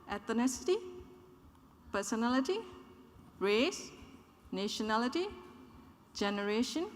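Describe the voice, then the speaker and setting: A woman from Burma, in her thirties, giving a measured, clear conference talk to an audience. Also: medium pitch, a bit bright. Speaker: conference speaker. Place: conference hall. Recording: hall reverb, conference room.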